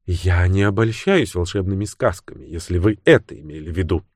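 A man reading the part of a cool, sharp-tongued young woman in an audiobook, raising his voice for her cutting, mocking lines. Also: low voice, fairly quick, dry recording, clean studio sound.

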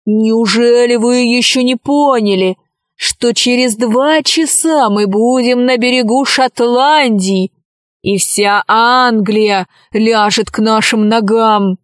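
A woman reading the part of a scheming male vampire leader in a storybook, with a slow, coaxing delivery. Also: fairly high pitch, dry recording, clean studio sound.

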